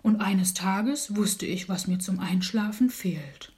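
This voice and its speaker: A woman voicing a big, gentle male bear in a bedtime storybook, slow and rumbling. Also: close to an everyday voice. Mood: confiding.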